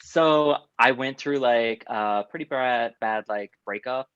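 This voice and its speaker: Upbeat guy talking slow as a podcast guest, dry muffled sound. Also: mid-range voice, fairly bright tone, smooth, no echo. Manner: unhurried, upbeat, laughing often. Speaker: guest, drag performer. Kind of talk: casual interview chat. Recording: dull, dry lo-fi audio.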